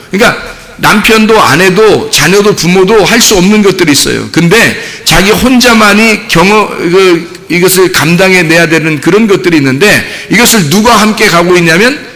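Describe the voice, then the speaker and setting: A man preaching a sermon as pastor, animated and acting out the voices of parents and doubters. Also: sits high, fairly quick. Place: church sanctuary. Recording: long church hall reverb.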